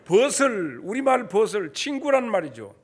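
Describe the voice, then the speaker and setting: A middle-aged man gives a lively sermon in a high, light voice. He talks in a folksy, joking way and acts out quick scenes from home and school. He keeps pulling the congregation in to answer together. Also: slightly rough. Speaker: pastor.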